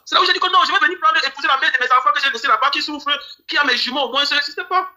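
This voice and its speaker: Grieving man, pleading, repeats himself, high voice, sharp tone. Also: racing. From Cameroon. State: grieving, near tears. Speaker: interview guest. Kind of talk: emotional interview testimony.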